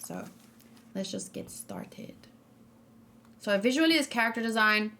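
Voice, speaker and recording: A woman with a medium-pitched, sharp voice swings hugely in pitch and talks a little slowly. She's a streamer giving a rambling, casual reaction to a game trailer, full of ums and self-corrections, with faint music behind her.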